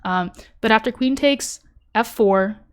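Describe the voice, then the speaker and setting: In a clean, slightly high voice, a young woman streams at an unhurried pace, casually reviewing her tournament chess game. She thinks aloud with lots of fillers and self-deprecating asides, in the style of casual live-stream commentary.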